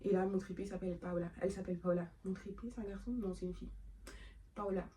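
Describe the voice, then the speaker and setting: A woman's voice: mid-range voice, steady tone, fast, warm tone, a little hiss or hum. A woman vlogging in a casual chat, rambling and thinking aloud with lots of hesitations and playful self-talk.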